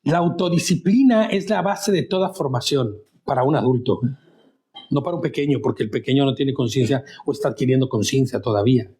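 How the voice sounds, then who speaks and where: A man's voice: mid-range voice, brisk, mellow. A man teaching a conversational Bible study, often turning to his listeners with questions. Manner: chatty, asks listeners questions.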